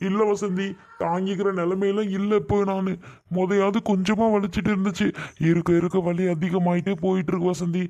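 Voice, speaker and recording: A man's voice: high-pitched, flat delivery, fairly quick, warm tone. A man doing a groaning sick husband. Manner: moaning, pleading. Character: groaning husband with stomach pain. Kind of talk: cartoon voice acting.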